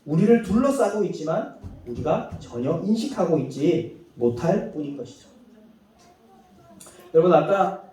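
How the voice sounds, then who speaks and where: A man pastor delivering a sermon in a church, preaching with lively acted quotes and light laughs. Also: on the high side, moderate pace, long pauses, faint music behind. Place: church sanctuary. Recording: echoey hall, mic far off.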